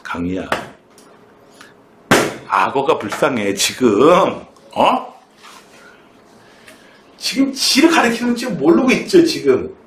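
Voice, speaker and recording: A man's voice: medium pitch, big pitch swings, slow pace, pauses often, slight background noise. A middle-aged man teaching math in a classroom and telling a story, chatty and often asking students questions, recorded from a distance in an echoey room. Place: academy classroom in Seoul.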